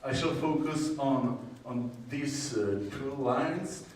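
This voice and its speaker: A man from the Czech Republic with a Czech accent gives a technical conference presentation in a hesitant, halting manner with frequent pauses. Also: mid-range voice. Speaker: conference presenter, university groundwater modeler. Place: indoor presentation room with strong echo. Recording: echoey hall, distant mic, faint noise.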